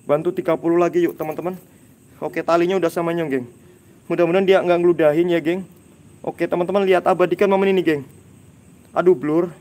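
Guy doing a live ghost hunt at night, hushed and urgent, kinda high voice, crickets chirping behind. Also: steady tone, fast, long pauses. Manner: hushed, urgent, repeating Islamic exclamations and addressing viewers. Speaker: ghost-hunting livestream host. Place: dark building at night, outdoors nearby.

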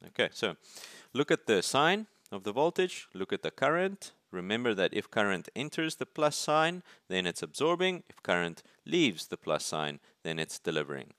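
Low-voiced male lecturer explaining circuits. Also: big pitch swings, normal speed, a bit bright, no room sound, clean studio sound. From South Africa. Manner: thinks aloud, restarts words, asks "right?". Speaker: university lecturer. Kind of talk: explaining while drawing circuits. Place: at a desk, filming paper from above.

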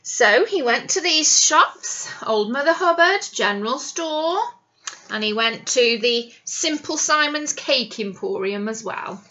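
In a small classroom, a middle-aged teacher gives an animated storytime reading of a picture book to young children, drawing them in with questions. She speaks slowly in a high, lively voice that is pushed and bright, though the recording is muffled.

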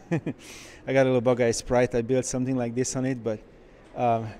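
A man who runs a car shop, walking through a car museum and giving casual, enthusiastic commentary with frequent pauses. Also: mid-range voice, little pitch movement, warm tone, a little hiss or hum. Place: indoor car museum halls.

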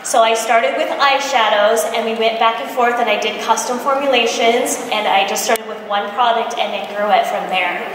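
On stage in a big indoor expo conference room, a Michigan-born cosmetics brand founder tells animated anecdotes, acting out quotes in an informal, chatty way. Her voice is on the high side, at a moderate pace with few pauses. The handheld mic runs through a PA and is recorded from the audience, so the hall sounds very echoey with faint background noise.

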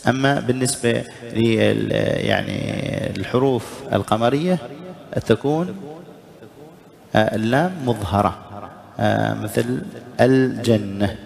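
A sheikh gives a recitation lesson in a gravelly, creaky voice at a middling pitch. He explains each mistake, chants the correct examples slowly and checks his listeners with quick questions. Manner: quizzes the listeners with short questions. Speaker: sheikh teaching Quran recitation. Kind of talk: religious lesson.

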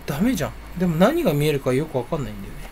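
A young man rambles through a solo stream at his computer, half talking to himself and teasing himself about how forgetful he is. His pitch swings widely and playfully from line to line. A faint background hum sits under his voice. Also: wildly swooping pitch, racing, darkish tone. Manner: rambling, self-mocking, mumbles to himself. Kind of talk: casual solo chat while browsing online.

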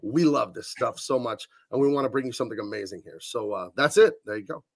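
A long-winded male comic artist chats as a guest on a stream. His gravelly, somewhat husky voice sounds dry and close, and he tends to go on and on. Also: mid-range voice, expressive, fast talker, no room sound. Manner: verbose and rambling. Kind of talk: casual chat.

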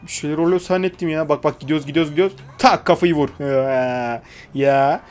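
A man's voice: a little high, brisk, darkish tone, faint music behind. A young man giving casual, joking gameplay commentary, chatting to the characters on screen and swearing lightly. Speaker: gaming YouTuber.

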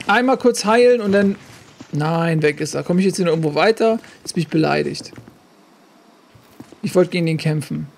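Guy doing let's play commentary, high voice with a gravelly edge, talks to the game and himself, jokes around, slight hiss behind. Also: normal speed, pauses often. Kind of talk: casual gameplay commentary.

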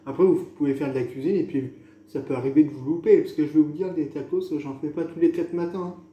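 A man's voice: fairly high pitch, quick pace, mellow, echoey room. A man talking in a casual home food-tasting vlog, rambling loosely while chewing food. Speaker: food vlogger.

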